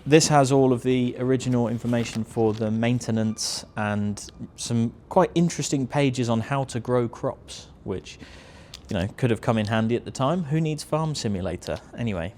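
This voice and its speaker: A man's voice: lowish voice, darkish tone. A British man in his thirties narrating a restoration video in an understated, conversational way with casual asides. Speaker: host of restoration video series. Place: barn workshop. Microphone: clip-on lapel mic.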